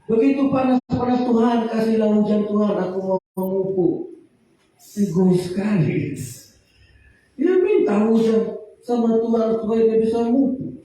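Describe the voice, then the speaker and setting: High-pitched guy preaching, dark mellow tone, big echoey church from far off. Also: normal speed. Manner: animated preaching, acting out panicked cries. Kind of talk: sermon. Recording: echoey church hall from far off, faint noise.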